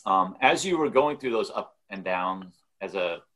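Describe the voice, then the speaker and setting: A male podcast host leads an interview in a measured, encouraging, animated way, speaking steadily and warmly to his guest. His voice sits a little low for a man.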